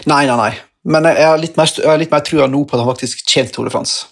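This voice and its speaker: A man co-hosting a cycling podcast, speaking in a relaxed, thoughtful and slightly wry way. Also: fairly high pitch, creaky. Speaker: podcast co-host. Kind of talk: casual cycling podcast chat.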